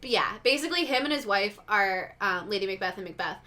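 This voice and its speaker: A woman talks through a TV show in a loose, rambling podcast chat. Her tone is bright and forward at a mid pitch. She leans on "like" and slips into little quoted reactions as she explains. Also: animated, a little fast. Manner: rambling, heavy use of "like", acts out reactions in quotes. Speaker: podcast co-host. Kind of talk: casual pop-culture chat.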